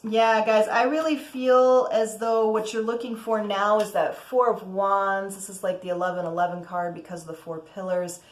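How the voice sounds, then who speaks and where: A woman's voice: mid-range voice, fairly even intonation, normal speed, hardly any pauses, echoey room. A woman giving a casual, chatty tarot reading as host, often checking in with "okay?" and letting out cheerful whoops. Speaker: tarot reader.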